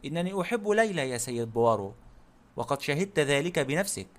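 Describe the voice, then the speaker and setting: A man reading the lines of a blunt, sharp-tongued ailing noblewoman in an audiobook. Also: fairly high pitch, expressive, fast, close to an everyday voice.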